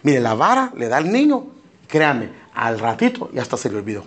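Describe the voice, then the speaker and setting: A man's voice: mid-range voice, wildly swooping pitch, a little fast. A middle-aged male pastor preaching a sermon, emphatic and repeating his phrases as he keeps calling his listeners brother.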